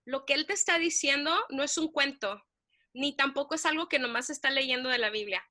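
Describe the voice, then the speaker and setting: A woman co-hosting a faith podcast, telling a story in an animated way, laughing often and slipping in English phrases. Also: high voice, brisk, no echo, clean studio sound. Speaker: podcast co-host.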